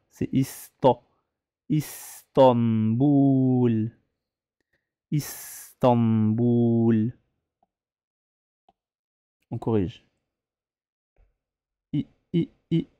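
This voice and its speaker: Male teacher, patient and methodical, very slow, mellow tone, breaks words into syllables and corrects pronunciation. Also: medium pitch, no room sound, clean studio sound. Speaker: Arabic teacher. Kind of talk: slow, patient reading lesson with repetition.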